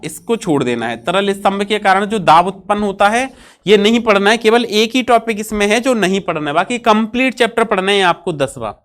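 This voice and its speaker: Smooth-voiced woman teaching, repeating herself. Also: medium pitch. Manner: repeats each point and asks rhetorical questions she answers herself; fills pauses with "ठीक है" checks. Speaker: physics teacher. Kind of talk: classroom-style lesson.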